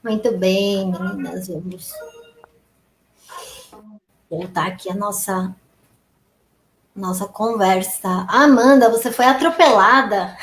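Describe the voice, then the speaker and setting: Calm Brazilian woman host, roomy. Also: medium pitch, takes it slowly, long pauses, slight background noise. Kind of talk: moderating a live video chat.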